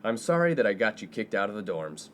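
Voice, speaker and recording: In a 1950s-set comedy radio play, an actor voices a pompous, boastful young college man who fancies himself a ladies' man, with breezy, theatrical delivery. His voice is lowish and sing-song at a quick pace, with slight background noise.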